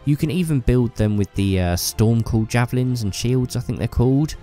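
This YouTuber's warm, medium-pitched voice moves at a normal speed, with soft music underneath. Bunged up from a cold, he chats enthusiastically and casually to his channel about his hobby, rambling and using fillers.

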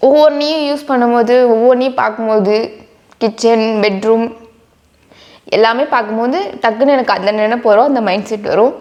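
A woman, co-host of a family vlog, speaking softly and reflectively in casual talk at home. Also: a little high, fairly quick, muffled recording. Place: rented home, indoors.

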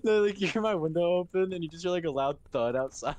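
Excitable young man streaming games. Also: high-pitched. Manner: excitable, yelps and laughs often. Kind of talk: casual gaming banter.

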